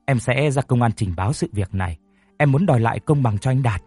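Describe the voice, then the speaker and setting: A man reading a gentle young woman. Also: mid-range voice, animated, a little fast, breathy edge, dry recording, faint music behind. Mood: determined.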